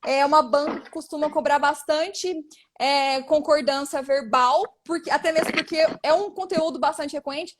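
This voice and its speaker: A woman's voice: sits high, fairly even intonation, normal speed. A woman from southern Brazil with a southern Brazilian accent, a Portuguese teacher chatting through a live exam-prep lesson and explaining step by step.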